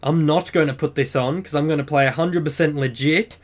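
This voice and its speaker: A young man talks through a game tutorial in a casual voice-over. He sounds upbeat and chatty and drops in self-mocking asides. His voice sits a little high for a man. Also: brisk.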